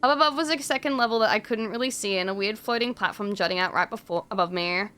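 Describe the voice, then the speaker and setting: A young woman streaming a game, reading the visual novel text aloud with animated, expressive delivery and frequent swearing. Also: medium pitch, quick pace, clean tone.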